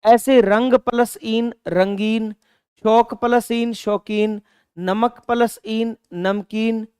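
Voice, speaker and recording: A man's voice: sits high, steady tone, takes it slowly, a little mellow, smooth, no echo, clean studio sound. A man teaching an online exam-prep grammar lesson. He asks his own questions, answers them, and repeats and stresses key words.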